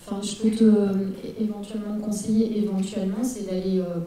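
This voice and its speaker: Flat-voiced woman, hesitant, echoey hall. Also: medium pitch, brisk. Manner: hesitant, lots of euh. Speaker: casting director. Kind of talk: public panel discussion. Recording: echoey hall, recorded from a distance.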